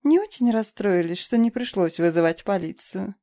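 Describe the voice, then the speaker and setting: A woman reading a sharp-tongued young heroine. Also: mid-range voice, a little slow. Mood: curt.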